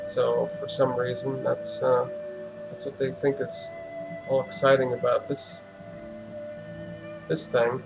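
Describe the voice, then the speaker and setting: A man hosting a casual livestream, thinking aloud in a relaxed, musing way with many fillers. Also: mid-range voice, slow pace, creaky, long pauses, music in the background, rough recording. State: relaxed and yawning. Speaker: livestream host.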